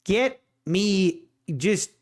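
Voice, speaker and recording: On his day trading live stream, this Ohio man with a Swiss German accent talks in a high, animated voice and draws out his words. The casual chat turns into an exasperated, rambling rant full of restarts and repetition.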